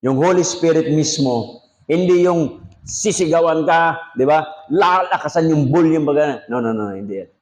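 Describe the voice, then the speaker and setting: Filipino pastor giving a chatty sermon. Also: male voice, a little high, expressive, normal speed. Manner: chatty, drops to a soft aside then rises for emphasis. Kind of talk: conversational sermon at a prayer meeting.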